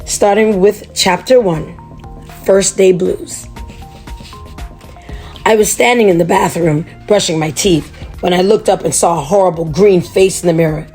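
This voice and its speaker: A woman reading a chapter book aloud to children, chatty and animated. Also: fairly low pitch, a little slow, long pauses, soft background music.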